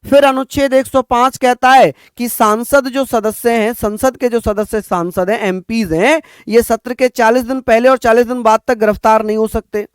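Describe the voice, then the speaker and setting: Man from northern India, exam-prep teacher, high smooth voice, dry close sound, repeats points. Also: steady tone, normal speed, hardly any pauses, no room sound. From Uttar Pradesh, India. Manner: addresses students as bhaiya, repeats points for dictation.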